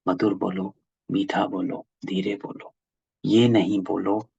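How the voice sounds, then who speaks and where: Man, husky raspy voice, spiritual teacher, patient repetitive explanation, lo-fi video call audio. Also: deep voice, little pitch movement, slow pace, a little mellow, no echo. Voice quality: gravelly, husky. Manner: patient, repeats key phrases. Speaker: spiritual class leader. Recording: dull lo-fi call audio, dry.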